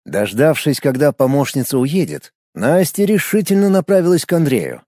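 A man reading an audiobook with expressive storytelling. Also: a little high, normal speed, no echo, studio quality. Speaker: audiobook narrator. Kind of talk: scripted narration.

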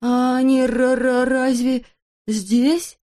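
A woman's voice: a little high, very animated, measured pace, dark tone, voice pushed up. A woman voicing a plump, timid male shorty in a storybook reading, drawn out and stammering. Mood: frightened. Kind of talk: storybook character voice.

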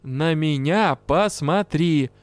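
A man voicing a brash male dark elf partner in an audiobook, gruff, teasing and bluntly scolding. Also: on the high side, lively intonation, a little slow, no room sound, faint music behind. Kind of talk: audiobook character voice.

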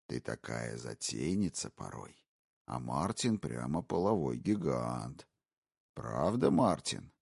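A man voicing a cold, menacing male captor who taunts his hostages in a slow, hushed, gravelly half-whisper. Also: a bass voice, very animated, voice pushed down, heavily acted. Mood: taunting.

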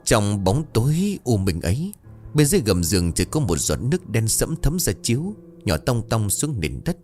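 A man narrates a horror story in a low voice with dramatic, measured delivery. His pitch rises and falls widely, and soft music plays underneath. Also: sing-song.

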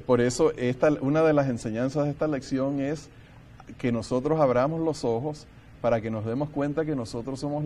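An earnest man leads a Bible study discussion, working through his thoughts aloud with frequent restarts. Between his reflections he reads scripture passages in a steady, measured way. His voice sits at an ordinary middle pitch for a man. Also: slight background noise.

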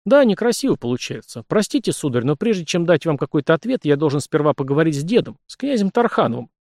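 A man's voice: on the high side, big pitch swings, fast, darkish tone, no room sound, pitched above the performer's own voice. A man voicing a dry, ironic young nobleman hero in a storybook reading.

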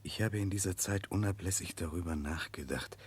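An actor in a 1960s German radio drama playing a brooding, remorseful prince, grave and introspective. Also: male voice, sits low, brisk, breathy edge. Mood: solemn, pleading. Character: brooding, remorseful Russian prince searching for redemption.

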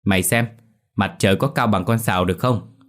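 A man voicing a sharp-tongued village mother who nags her daughter in a shrill, scolding tirade. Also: fairly quick, natural voice.

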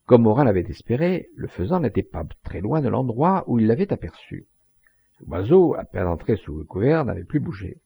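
A man narrating a literary audiobook in a measured, expressive storytelling manner, with a gravelly voice. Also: medium pitch, no echo.

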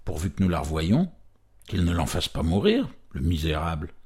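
A man voicing a boisterous male merchant who plays pranks and exclaims loudly. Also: sits low, sing-song, moderate pace, husky, pitched below the performer's own voice, heavily acted. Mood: rowdy. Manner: loud, exclamatory, joking.

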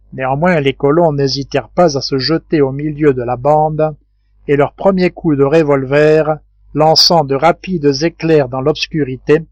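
A man reading a classic adventure novel aloud in a measured, steady narration. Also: a little high, dry recording, highs cut off. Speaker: audiobook reader. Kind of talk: scripted narration.

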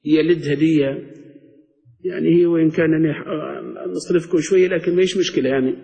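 A high-voiced man teaches grammar as a sheikh, checking his students with frequent questions. He stretches out each example as he recites it. His voice rings in a hall with a long echo. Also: steady tone, fast talker, creaky, dark tone. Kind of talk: classroom lesson explaining a text.

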